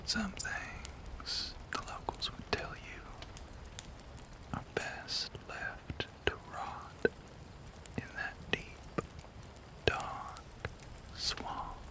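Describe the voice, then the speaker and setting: The speaker is a man voicing a genteel yet threatening immortal vampire, his Southern drawl carried in a breathy, mostly whispered delivery. Long pauses and theatrical phrasing shape his ominous storytelling in this intimate audio roleplay.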